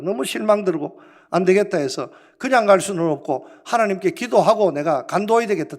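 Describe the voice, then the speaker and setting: A male pastor preaching a sermon in a church, telling a story in an emphatic, animated way. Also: high voice. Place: church sanctuary.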